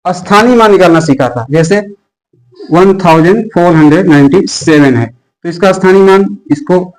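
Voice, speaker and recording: A man's voice: high voice, a little mellow, poor audio. A male math teacher gives a classroom lesson, asking the class questions and answering them himself, with English number words mixed in.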